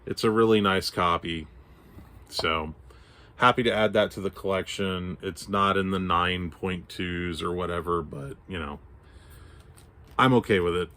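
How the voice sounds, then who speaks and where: Showing off his comic book haul, this Texan man rambles casually with fillers and restarts at a measured pace. His low voice sounds pushed and bright, and it's hoarse and scratchy from allergies.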